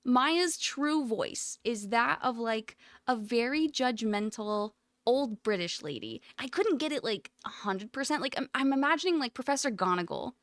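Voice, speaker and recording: A woman's voice: on the high side, lively intonation, moderate pace, a bit bright, dry recording, studio quality. A woman streamer chatting casually with her viewers, laughing often and rambling with lots of "like" fillers. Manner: giggly, rambling, full of "like" fillers. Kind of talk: casual livestream chat.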